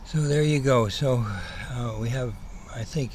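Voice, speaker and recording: A man giving a casual livestream update as a host, rambling and halting, with a slight whistling lisp from missing front teeth. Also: medium pitch, a little mellow. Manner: rambling, hesitant, halting with repeated words. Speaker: host, cat rescue operator. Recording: clearly noisy ambient background.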